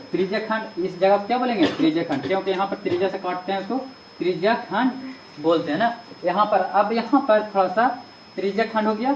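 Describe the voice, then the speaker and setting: A male maths teacher, teaching a class in a lecture that asks questions and repeats the answers. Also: high-pitched. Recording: echoey room, mic far off, faint noise.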